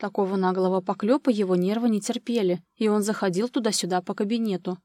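A woman's voice: mid-range voice, fairly even intonation, fast talker, dark tone, no room sound. Woman narrating an audiobook, dry close sound. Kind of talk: scripted narration.

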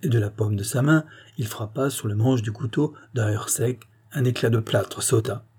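A man narrating an audiobook of a classic novel in a measured, dramatic way. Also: medium pitch, darkish tone, breathy edge.

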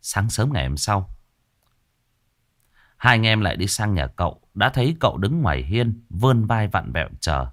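A man narrating a ghost story in a lively, expressive storytelling manner. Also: on the low side, moderate pace, dry recording, clean studio sound.

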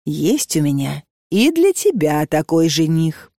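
Audiobook figure: elderly matchmaker, soft persuasive tone, read by a woman, low voice, dry booth sound. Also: sing-song, unhurried, dry recording, full character voice. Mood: coaxing. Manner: gentle coaxing, patient. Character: old village matchmaker woman, calm, persuasive.

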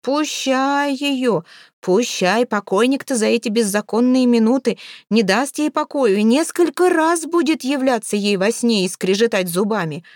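A woman's voice: fairly high pitch, lively intonation, no room sound, clean studio sound, pitched above the performer's own voice, natural voice. Woman doing an ominous old crone. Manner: slow, ominous.

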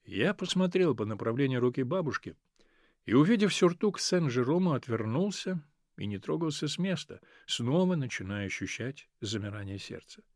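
A man reading a first-person literary novel aloud with expressive delivery. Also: mid-range voice, normal speed, no echo, clean studio sound. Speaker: audiobook narrator.

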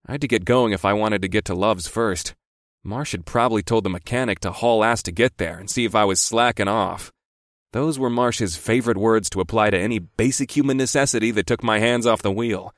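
A man's voice: fairly low pitch, fairly quick, dry recording, clean studio sound. A man narrating a first-person story in a wry, sardonic manner. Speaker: audiobook narrator.

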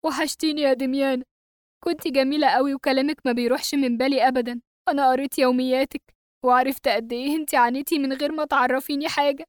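A woman's voice: very high voice, little pitch movement, quick pace, dry recording, studio quality, pitched above the performer's own voice. A woman voicing an emotional young man with an Egyptian accent in an audiobook. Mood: grieving. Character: grieving young man, then stunned and furious. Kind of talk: audiobook character reading.

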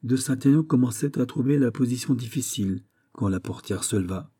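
A man narrates a classic novel as an audiobook in a measured storytelling manner. His voice is mid-range, with a dark, husky tone.

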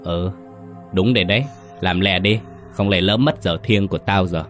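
A man's voice: low-pitched, moderate pace, faint music behind, close to an everyday voice. A man voicing a callous, harsh village mother in a ghost story reading, snapping and scolding.

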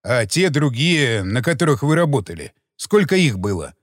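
A man reading an audiobook, voicing a deliberate male detective who speaks slowly, measured and knowing. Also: mid-range voice, sing-song, no room sound, clean studio sound, voice pushed down, close to an everyday voice.

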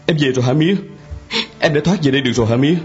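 An actor playing a devoted young man in a radio drama, talking earnestly and fast. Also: medium pitch, darkish tone, soft background music, close to an everyday voice. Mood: relieved. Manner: earnest, rapid pleading. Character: devoted young man, anxious then relieved. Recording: dull lo-fi radio drama recording.

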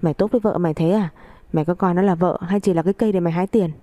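Woman reading an angry old father, shouting, harsh, low dark voice, dry close sound. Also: racing, no room sound, natural voice. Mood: angry scolding. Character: furious elderly father-in-law scolding his son.

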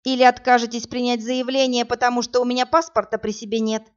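A woman's voice: a little high, flat delivery, quick pace, clean tone, close to an everyday voice. A woman voicing an indignant young woman office worker who talks insistently, her voice raised in agitation. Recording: dull lo-fi audiobook recording.

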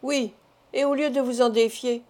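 A woman's voice: high-pitched, fairly even intonation, moderate pace, darkish tone, lightly acted. A woman voicing a firm, insistent older male village headman in a storybook reading. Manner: insistent, categorical.

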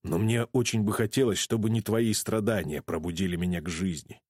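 A man voicing a middle-aged father, protective and grieving, who speaks low and gruffly. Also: a little fast, a little mellow, dry recording, clean studio sound, natural voice. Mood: remorseful.

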